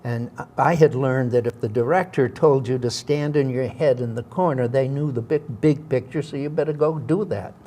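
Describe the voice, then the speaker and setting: A man's voice: mid-range voice, moderate pace, few pauses, dark tone, slight background noise. An older man, a veteran actor, tells stories from his career in an interview, with hesitant fillers and restarts. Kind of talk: anecdotal interview storytelling.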